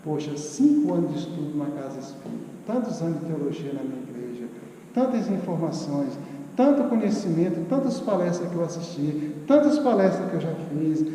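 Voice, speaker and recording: A man's voice: a little high, big pitch swings, fairly quick, dark tone, a little hiss or hum. A Brazilian man in his fifties giving an earnest spiritual lecture, repeating words for emphasis. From southern Bahia, Brazil. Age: 50s. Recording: echoey hall with long reverb.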